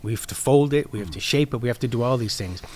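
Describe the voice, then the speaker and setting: A man's voice: mid-range voice, fast, darkish tone. A man, a podcast guest chatting casually and explaining his baking with many fillers. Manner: rambling, explanatory, lots of fillers. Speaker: podcast guest, sourdough baker.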